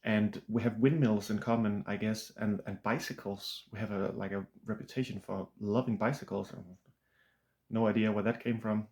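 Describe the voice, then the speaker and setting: A man with a Danish accent, an author talking casually to camera in a halting way, with many restarts and a flat, throaty delivery. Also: lowish voice. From Denmark. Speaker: author and channel host. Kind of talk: casual unscripted monologue.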